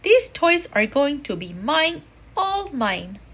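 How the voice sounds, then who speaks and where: A woman's voice: high voice, big pitch swings, slow, a bit bright, exaggerated voice. A woman voicing a bossy, spoiled little girl in a storybook read-aloud, demanding and whiny.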